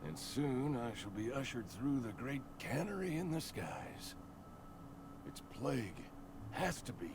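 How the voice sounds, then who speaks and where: A grumpy, sickly old man from a video game. His pitch swings widely as he frets and complains melodramatically, with clear noise behind him. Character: grumpy, fretful sickly old man, fearful and self-pitying. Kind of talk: video game character dialogue.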